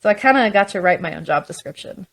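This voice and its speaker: A woman's voice: mid-range voice, animated, quick pace, creaky, poor audio. A woman telling her story as a podcast guest, chatty, with frequent ums and restarts. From Canada. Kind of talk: casual interview chat.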